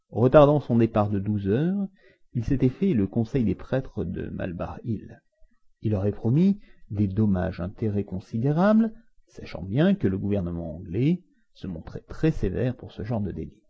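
A man narrating a classic adventure novel aloud in an expressive, dramatic reading style. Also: on the low side, gravelly, breathy edge. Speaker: audiobook narrator. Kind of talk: storybook narration. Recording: dull lo-fi recording.

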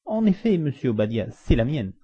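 A man reading aloud and voicing a prim male court clerk with a high, precise voice. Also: big pitch swings, fairly quick, breathy edge, dull audio.

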